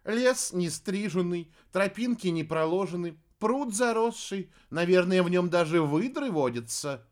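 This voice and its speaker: A man's voice: high-pitched, lively intonation, a little slow, few pauses, darkish tone, pitched above the performer's own voice. A man doing a haughty snappish witch. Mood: irritated. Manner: snappish, disdainful. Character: irritable young witch, haughty and sharp-tongued.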